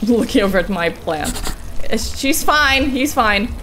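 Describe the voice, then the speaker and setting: A young woman streams a horror game with casual let's-play commentary, nervous and playful, reassuring herself and swearing. Her voice sits on the high side, fairly bright, with lively intonation and an unhurried pace. Game music plays along with slight background noise.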